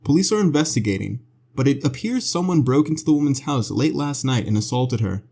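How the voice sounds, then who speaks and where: A man reading the lines of a TV news anchor with a brisk, formal newsreader delivery. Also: medium pitch, expressive, gravelly, dark tone. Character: adult TV news anchor reading a crime report.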